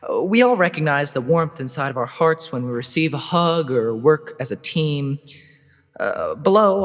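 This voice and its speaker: A young man giving an earnest youth sermon from notes, reading a little haltingly. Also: a little high, a bit bright. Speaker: youth speaker in church. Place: indoor congregation hall, reverberant. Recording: large reverberant hall.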